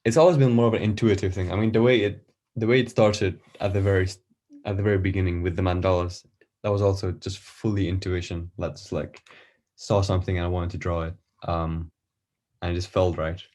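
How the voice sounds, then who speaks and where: Deep-voiced man from Iran, hesitant. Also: steady tone, brisk, darkish tone. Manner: hesitant, thinking aloud with many fillers. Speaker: artist guest. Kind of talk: casual podcast conversation.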